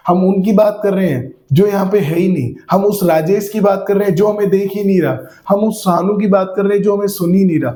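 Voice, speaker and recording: Man teaching a class, high echoey voice. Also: fairly quick, few pauses, dark tone. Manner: explains by asking questions and repeating examples. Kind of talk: classroom grammar lesson.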